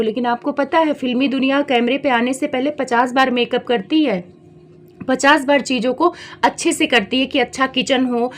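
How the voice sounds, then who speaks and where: Woman, high-pitched, chatty, scolding commentary vlogger. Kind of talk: reaction commentary vlog.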